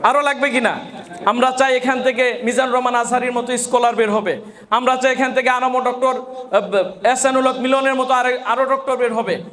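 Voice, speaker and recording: A man's voice: extremely high pitch, steady tone, brisk, a bit bright. A man from Bangladesh, an Islamic scholar, gives a farewell motivational speech to students and keeps asking them rhetorical questions. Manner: asks the audience rhetorical questions.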